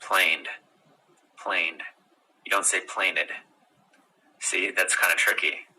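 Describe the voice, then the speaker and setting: A man with an American accent giving a relaxed pronunciation lesson, repeating words slowly and drawing out each sound. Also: deep voice, a little hiss or hum, poor audio. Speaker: pronunciation teacher.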